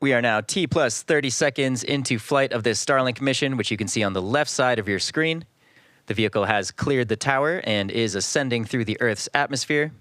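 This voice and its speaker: A man's voice: medium pitch, brisk, fairly bright tone, no echo, clean studio sound. A man hosting a live launch webcast with composed, informative, explanatory commentary.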